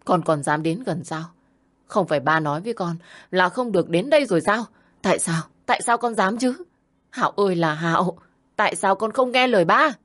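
A woman voicing a frantic, furious young father who shouts at his son in a storybook reading. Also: mid-range voice, animated, brisk, pitched above the performer's own voice. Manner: shouting angrily.

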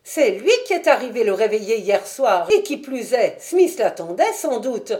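Woman doing a shrill, fussing boatman's wife. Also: big pitch swings, moderate pace. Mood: chatty. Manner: loud, fussing and talkative. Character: shrill stout working-class boatman's wife.

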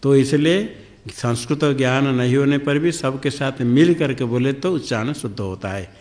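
A swami giving a spiritual discourse on the Upanishads, explaining slowly and repeating words to drill Sanskrit pronunciation, with chanted Sanskrit verses in between. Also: male voice, mid-range voice, a little mellow.

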